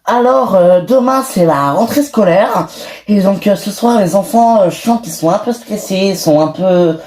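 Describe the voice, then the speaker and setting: A woman's voice: medium pitch, lively intonation, normal speed, a little mellow, pitched above the performer's own voice, natural voice. A woman voicing a tired mother of a big family in a toy-figure series, rambling with lots of fillers and restarts. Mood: reassuring. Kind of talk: improvised home-video voice acting.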